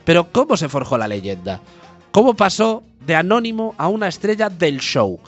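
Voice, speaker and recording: High-pitched guy hosting a podcast, ironic storyteller, kinda grand about it. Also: big pitch swings, moderate pace, dull audio, faint music behind. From A Coruña, Galicia, Spain. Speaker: podcast host. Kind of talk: scripted podcast narration and banter.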